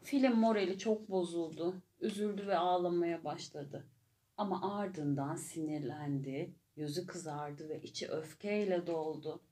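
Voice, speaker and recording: A woman narrating a children's story in a slow, gentle and clear way. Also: fairly low pitch.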